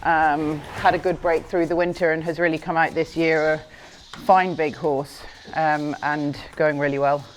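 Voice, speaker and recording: A middle-aged woman who grew up in Scotland, an event horse rider speaking in a filmed interview, relaxed and thoughtful, with many pauses and fillers. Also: deep voice, a little hiss or hum. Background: faint music.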